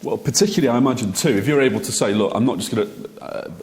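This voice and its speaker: A man's voice: mid-range voice, a little mellow. A man interviewing a guest on stage, repeating words as he works out his questions. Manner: quick, stammering repeats while forming questions. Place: festival stage interview, indoors.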